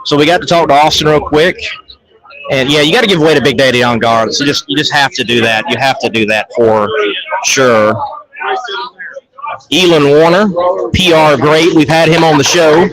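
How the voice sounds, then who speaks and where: A man's voice: fairly high pitch, moderate pace, crowd noise, rough recording. A man hosting live on-site event coverage, chatty and upbeat, often repeating his phrases. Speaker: show host. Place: crowded shop fan fest.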